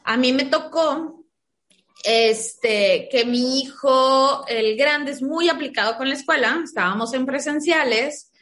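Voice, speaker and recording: A woman, a mother, giving an interview and explaining her parenting views through lively anecdotes. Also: high voice, slow. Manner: lively anecdotes, acts out quoted dialogue. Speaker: guest, a mother of school-age children. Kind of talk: conversational interview storytelling.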